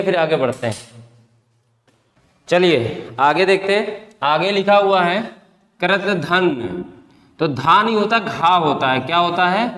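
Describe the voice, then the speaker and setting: A man with a fairly high voice teaches a spelling class, saying each word twice and quizzing his students as he goes. He calls them by affectionate pet names. The recording is roomy, with a long echo trailing off his words. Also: fairly bright tone. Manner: addresses students fondly as beta and bhaiya. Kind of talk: exam-prep class lecture. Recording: echoey classroom with long reverb.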